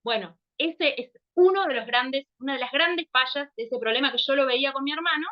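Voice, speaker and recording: A woman in her fifties with a Rioplatense accent and a high, bright-sitting voice talks to camera in an earnest vlog. She explains step by step, poses rhetorical questions and often stops to restart a phrase. The recording sounds dull and muffled. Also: a little fast. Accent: Rioplatense Spanish. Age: 50s. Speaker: holistic wellness speaker.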